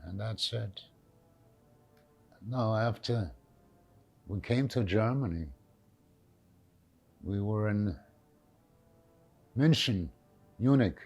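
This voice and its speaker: Speaking very slowly with long pauses, an old man with a Yiddish accent recalls his past as a Holocaust survivor in an interview. He uses simple, brief, frequently repeated phrases and slips in Yiddish words. His lowish voice is a little mellow, and faint music sits behind it.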